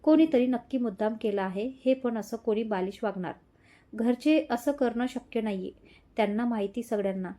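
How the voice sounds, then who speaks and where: A woman's voice: fairly high pitch, moderate pace, warm tone, lightly acted. A woman doing a grumbling, irritated businessman. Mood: frustrated muttering. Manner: grumbling, frustrated. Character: irritated young businessman muttering to himself.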